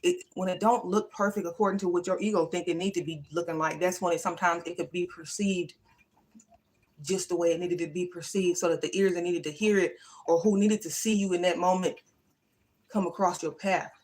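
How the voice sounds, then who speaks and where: A woman's voice: on the low side, fairly even intonation, brisk, darkish tone. A woman hosting a livestream, giving a casual, emphatic motivational talk in a folksy, everyday way. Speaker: livestream host.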